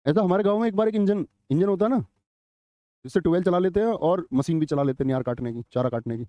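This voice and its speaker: A man's voice: high voice, quick pace, warm tone, dry recording. A middle-aged man teaching a live online grammar class, chatty, telling anecdotes and quizzing students.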